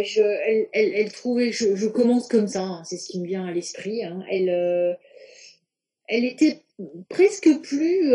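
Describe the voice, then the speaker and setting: A woman's voice: mid-range voice, warm tone. A woman teacher giving casual, hesitant feedback to students over a video call, with many restarts. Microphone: video call on computer.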